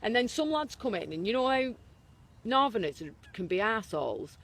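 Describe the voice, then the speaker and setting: A Northern English woman with a high voice tells a rambling story during a casual chat. Her pitch swings up and down as she talks. She has a dry, teasing manner, and the chat happens outdoors on a street. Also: big pitch swings, moderate pace, creaky, a bit bright.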